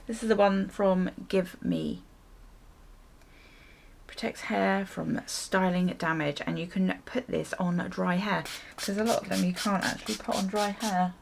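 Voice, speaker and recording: Her voice at medium pitch with vocal fry and a steady tone, a woman vlogger talks to viewers at a measured pace while she gets ready. The storytime chat is rambling, self-interrupting and chuckly, with slight background noise.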